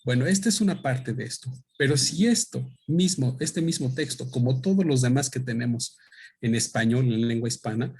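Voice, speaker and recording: A husky Mexican man, a native Otomi speaker, lectures an audience at a book presentation. His voice sits at an ordinary middle pitch, and he talks in a thoughtful, halting way, pausing often to find the right word. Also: darkish tone. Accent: Mexican Spanish. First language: Otomi (Hñähñu). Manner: thoughtful, halting, pauses to search for words. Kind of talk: explanatory talk to an audience.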